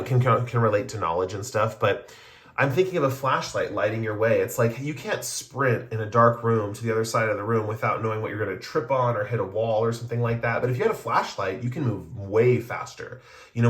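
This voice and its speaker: A man's voice: lowish voice, a bit bright. A man doing a casual pick-a-card tarot reading, explaining his cards to viewers in a meandering, conversational way. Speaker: tarot reader.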